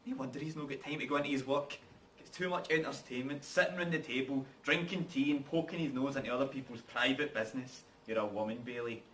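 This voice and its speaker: A man's voice: medium pitch, fast talker, a bit bright, natural voice. An actor in a stage reading playing a wronged, bitter working-class man who speaks with scornful, colloquial bluntness. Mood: angry, scornful. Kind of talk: rehearsed stage reading of a drama. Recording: distant mic, background noise.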